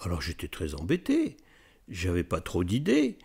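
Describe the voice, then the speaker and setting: A man's voice: deep voice, huge pitch swings, moderate pace, gravelly, darkish tone, slightly rough. A man host telling a comic story in a chatty way, with hesitant asides to the listener.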